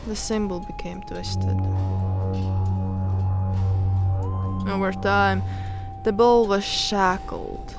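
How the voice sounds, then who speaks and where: In a fantasy audio drama, a woman plays a proud, fervent highborn noblewoman. Her delivery is solemn, deliberate, and theatrical, with a bitter mood.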